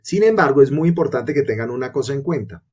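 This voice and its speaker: Dark husky man presenting a webinar. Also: mid-range voice, animated, fast talker. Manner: explanatory, poses and answers own questions. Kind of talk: webinar lecture.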